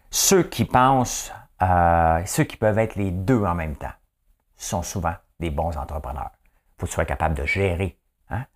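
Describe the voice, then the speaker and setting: A male host with a Quebec French accent, running a chatty trivia monologue that keeps tossing in "hein?" and slipping into English phrases. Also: sits low.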